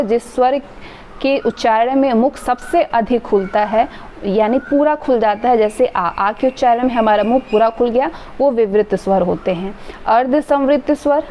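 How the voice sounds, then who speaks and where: A woman's voice: fairly high pitch, mellow. A woman teaching an exam-prep grammar lesson, explaining step by step and drawing out sample sounds. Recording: dull lo-fi recording with faint noise.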